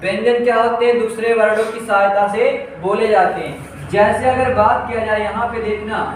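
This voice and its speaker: A man's voice: high-pitched, steady tone. A man teaching a grammar lesson for exam prep, asking questions and answering them himself, repeating and stretching key words. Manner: repetitive, asks and answers own questions, drawn-out words. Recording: very echoey room, distant mic, faint noise.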